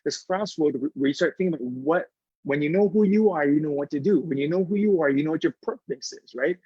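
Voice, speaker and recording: A man's voice: on the high side, brisk, a little mellow, breathy edge, dry recording. A middle-aged man from Hawaii, a guest speaker telling a personal story at a workshop in an earnest, conversational way with many fillers. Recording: slightly dull, dry recording.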